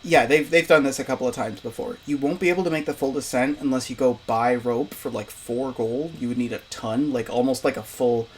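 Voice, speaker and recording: A man's voice: medium pitch, brisk, hardly any pauses, husky. A man running a tabletop role-playing game as game master, describing scenes in a casual, chatty way. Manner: casual, chatty, lots of fillers.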